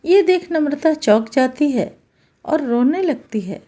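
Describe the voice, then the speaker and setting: A woman narrating a scripted moral tale in a calm, even manner. Her voice is high and soft-toned. She reads slowly. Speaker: storyteller.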